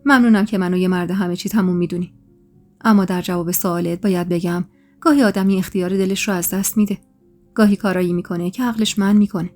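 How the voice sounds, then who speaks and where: A woman's voice: steady tone, a little mellow, soft background music, lightly acted. Woman reading a grave, earnest older man. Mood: confiding. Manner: low, muffled, earnest. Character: grave middle-aged man declaring quiet love.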